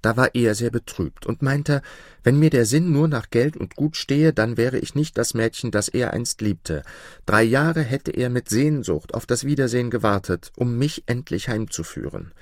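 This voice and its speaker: A man's voice: medium pitch, expressive, moderate pace, dry recording, clean studio sound, natural voice. Man doing a sad young maid, tearful and wailing, storybook voice. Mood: lamenting. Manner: lamenting, tearful. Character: grieving young maid full of guilt.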